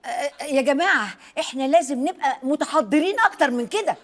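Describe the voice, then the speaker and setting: A woman's voice: sits high, animated, fast. An actress with an Egyptian accent playing a weary woman pleading with her quarrelling staff in a comedy TV series. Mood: exasperated. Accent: Egyptian Arabic. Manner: pleading, exasperated. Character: weary woman trying to keep the peace.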